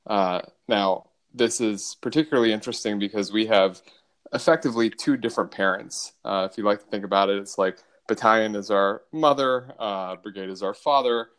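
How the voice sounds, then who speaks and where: A man's voice: on the low side, fairly quick, fairly bright tone, clear, resonant tone. A man as an interview guest, explaining things patiently with frequent uh fillers. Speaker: guest, army signal company commander. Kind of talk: casual interview answers.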